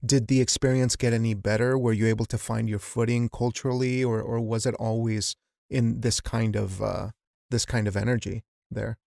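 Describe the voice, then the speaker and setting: Gravelly-voiced male podcast host. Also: mid-range voice, flat delivery, no room sound, clean studio sound. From Wyoming. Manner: warm, measured, repeats words when restarting. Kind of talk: interview.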